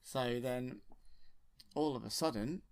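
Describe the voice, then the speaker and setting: A man, deadpan and rambling as he retells a film in plain, childlike words. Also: mid-range voice, slow pace, clean tone, no echo. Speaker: comedic storyteller.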